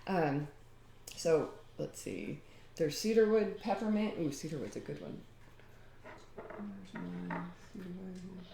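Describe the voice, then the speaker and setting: A woman's voice: on the low side, very animated, takes it slowly, creaky, reverberant, noisy background. A woman chatting casually at home, rambling and laughing as she demonstrates a homemade recipe. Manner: rambling and talkative, often laughing. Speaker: home DIY vlogger.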